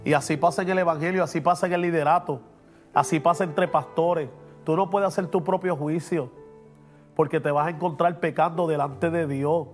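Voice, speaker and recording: Pastor for a preaching podcast, high voice, emphatic, faint music underneath. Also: male voice, fairly even intonation, moderate pace. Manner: emphatic and preachy, drops English words in. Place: podcast studio.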